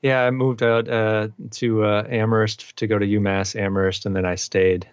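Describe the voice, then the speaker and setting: A man's voice: fairly low pitch, moderate pace, clear, resonant tone, dry recording, lo-fi sound. A middle-aged man from eastern Massachusetts, a musician guest chatting casually with lots of fillers. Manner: relaxed, rambling, many fillers. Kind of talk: casual interview chat.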